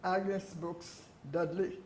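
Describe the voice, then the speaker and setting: A man with a fairly high voice reminisces very slowly and with deliberate emphasis. The room is echoey, with faint noise behind him. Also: fairly even intonation, a little mellow. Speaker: teacher. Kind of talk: reflective personal reminiscence. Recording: roomy echo, faint background noise.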